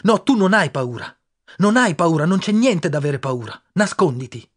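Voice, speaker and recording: Audiobook figure: a desperate young boy, urgent and pleading, husky and pitched up high, as a male reader puts him on. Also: big pitch swings, normal speed.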